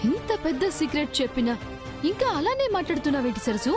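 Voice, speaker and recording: A woman's voice: high voice, very animated, quick pace, music in the background. An actress playing a jealous, scheming young woman in a TV serial drama, accusing and threatening a maid.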